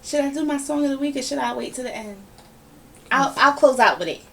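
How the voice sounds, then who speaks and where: A woman hosting a casual podcast, giving her opinions in a lively, ranting, conversational way. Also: high voice, brisk, creaky. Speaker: podcast host. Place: home room, relaxed podcast setting. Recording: somewhat distant mic with faint background noise.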